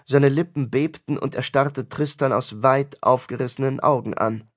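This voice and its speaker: A man narrating a fantasy audiobook in a measured, dramatic storytelling manner. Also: mid-range voice, fairly even intonation.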